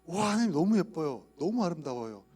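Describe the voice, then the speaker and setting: A man's voice: a little high, a little fast, husky, soft background music. A man voicing Adam as an eager young man full of wonder and questions. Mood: amazed. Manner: excited and curious.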